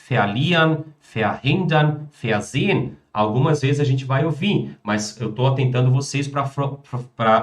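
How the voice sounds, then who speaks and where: Brazilian man teaching German in a roomy echo. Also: fairly high pitch. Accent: Brazilian Portuguese. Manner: repeats German words slowly and clearly, with frequent "tá?" and "né?". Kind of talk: live online language lesson.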